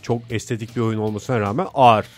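A man co-hosting a morning radio show, trading quick quips in casual banter. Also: fairly low pitch, fairly even intonation, darkish tone, soft background music.

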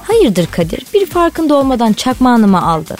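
Higher-voiced woman in teasing banter. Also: sing-song, moderate pace, a little mellow, soft background music. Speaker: radio show co-host. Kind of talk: casual comedic banter.

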